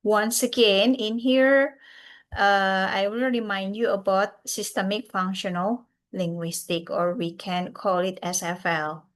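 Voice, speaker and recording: Lecturing in English on a recording, this Javanese-accented university teacher from Central Java, Indonesia, keeps a steady tone in her mid-range voice. She addresses the class as everyone and often pauses with "uh" and "yeah."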